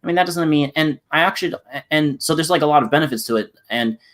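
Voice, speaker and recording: A man's voice: on the high side, quick pace, a bit bright. Rambling man talking politics. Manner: rambling, many restarts and fillers. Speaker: channel host in a discussion. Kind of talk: casual political discussion.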